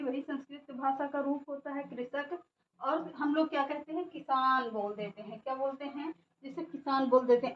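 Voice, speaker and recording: A woman teaching a grammar lesson who keeps asking questions and answering them herself. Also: sits high. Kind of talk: classroom lesson. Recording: echoey room, dull sound, faint background noise.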